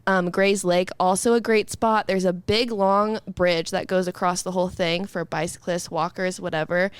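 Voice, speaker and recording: A young woman co-hosts a podcast in a loud, excited chatty way, often breaking into laughs. Her voice is smooth and clear, close to the mic with a dry sound. She talks with lots of energy. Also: lowish voice, normal speed, no room sound. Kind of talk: casual chat.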